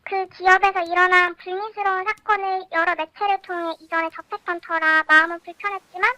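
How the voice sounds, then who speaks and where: A teenage high school student speaking through a voice changer for anonymity, answering interview questions carefully and politely with frequent "uh" fillers. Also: level tone, brisk, sharp tone, no room sound. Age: teens. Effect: pitch-raising voice changer for anonymity.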